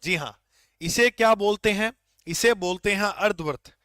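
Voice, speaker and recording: A man's voice: high voice, normal speed, sharp tone, no room sound, clean studio sound. A man teaching an online geography class, repeating key points and quizzing his students.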